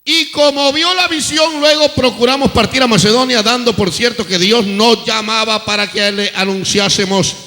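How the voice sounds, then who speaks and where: A man's voice: very high-pitched, fairly even intonation, normal speed, hardly any pauses, pushed and bright, big-room sound. A male preacher, delivering an impassioned sermon full of rhetorical questions and acted-out quotes.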